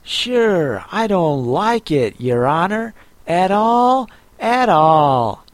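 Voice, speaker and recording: A man voicing a meek male servant in a storybook, in a slow, humble drawl. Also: high-pitched, big pitch swings, no room sound, exaggerated voice. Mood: deferential.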